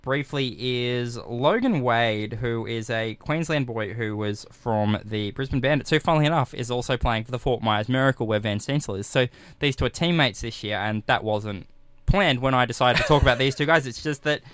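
A man's voice: mid-range voice, moderate pace, hardly any pauses, a bit bright, smooth, dry recording. Sports commentator: male, conversational, clean and resonant, close dry sound. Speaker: baseball commentator.

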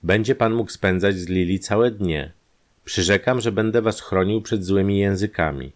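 A man voicing a smooth-talking male private detective, a conman who speaks in an ingratiating, persuasive way. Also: low voice, normal speed, voice pushed up, natural voice. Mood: wheedling.

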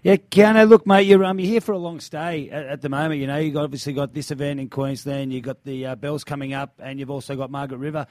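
Man, interview host, very quick, slightly high voice, casual sports chat. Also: steady tone, a little mellow, no echo, clean studio sound.

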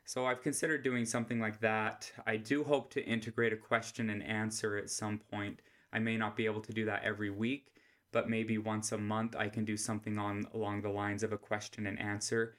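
Soft, flat-voiced American man, quiet monotone. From Utah, United States. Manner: flat monotone, speaking low without inflection. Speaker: host of a scripture study podcast. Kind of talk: informal religious lesson. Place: quiet room at home.

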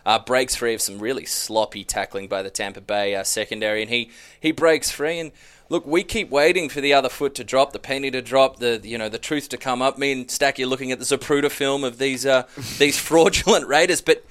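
A man's voice: medium pitch, fairly even intonation, brisk, a bit bright, clear, resonant tone. Jokey man hosting sports talk. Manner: jokey, rambling, self-correcting. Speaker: host. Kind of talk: casual sports chat.

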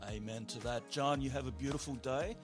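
A man's voice: medium pitch, fairly quick. A man hosting a casual radio chat in an upbeat, appreciative manner. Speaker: radio host. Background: music.

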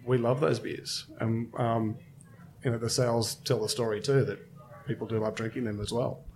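A man's voice: mid-range voice, level tone, moderate pace, darkish tone, a little hiss or hum. A man of fifty, a brewery co-founder, chatting casually as a guest and thinking aloud with many fillers. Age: 50s. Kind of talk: casual interview chat.

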